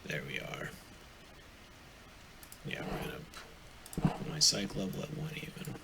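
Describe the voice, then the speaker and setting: Male stream host, lowish voice, loose and rambling chart talk, noisy background. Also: sing-song, unhurried, creaky. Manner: casual, rambling, thinks aloud with many fillers. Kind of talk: live forex chart walkthrough. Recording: noisy live stream audio.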